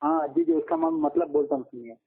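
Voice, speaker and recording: A man's voice: fairly high pitch, huge pitch swings, brisk, creaky. A man debating over a phone call who interrupts often and repeats himself. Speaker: debater answering the questions. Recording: tinny phone line.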